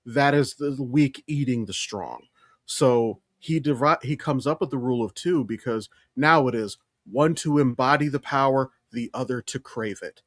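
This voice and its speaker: At a normal speed, this man's mid-range voice comes through clean, studio-quality audio without echo. He co-hosts a podcast, explaining things casually and with emphasis, like an enthusiastic fan who has strong opinions.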